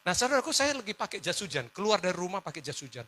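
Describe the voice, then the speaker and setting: A male pastor preaching, telling a personal story in an animated way, swinging from loud outbursts to hushed words. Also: sits high, very fast. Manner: animated storytelling, switching between shouts and hushed tones, laughing along.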